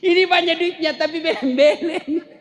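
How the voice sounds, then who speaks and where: A man's voice: very high voice, moderate pace. A middle-aged man, giving a humorous sermon full of stories and jokes and talking straight to the crowd. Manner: storytelling with jokes, lively asides to audience. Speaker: preacher.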